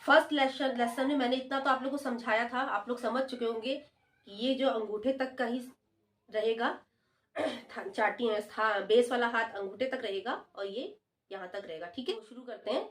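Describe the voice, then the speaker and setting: A woman's voice: a little high, moderate pace. A woman teaching the dholak online, patiently explaining and counting beats aloud. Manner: patient, repeats counts loudly while drumming. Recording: dholak drumming behind the voice.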